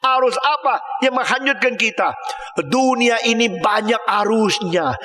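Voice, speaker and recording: Impassioned older pastor in an echoey hall. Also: male voice, unhurried. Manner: impassioned, swinging between loud exclamations and low murmurs. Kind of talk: sermon.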